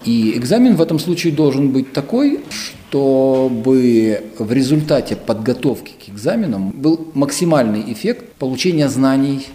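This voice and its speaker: A middle-aged man heading a university language department, answering interview questions in a measured, lecturing way with some hesitation fillers. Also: mid-range voice, expressive, dark tone, a little hiss or hum.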